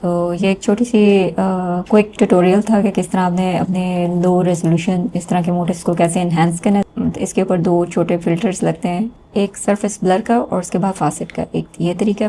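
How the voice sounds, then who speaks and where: Low, flat-voiced woman teaching software. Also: slight background noise. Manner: calm step-by-step explaining with fillers. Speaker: textile design instructor. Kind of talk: screen-recorded software tutorial.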